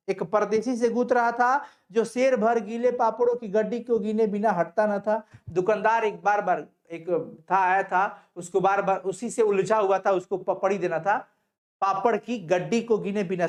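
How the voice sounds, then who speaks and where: A man's voice: high voice, fairly even intonation, normal speed. Male teacher, online class. Reads out a passage, explains it, and asks questions he answers himself, in a reassuring, coaxing way. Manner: reads the text aloud, then explains it and answers his own questions. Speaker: Hindi teacher.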